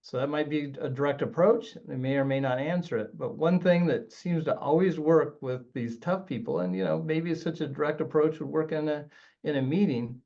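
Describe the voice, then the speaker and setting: A man's voice: a little high, normal speed, vocal fry, mellow, muffled recording. A man who works as a trial lawyer, telling an instructional story in an earnest way as a webinar guest. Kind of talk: instructional anecdote.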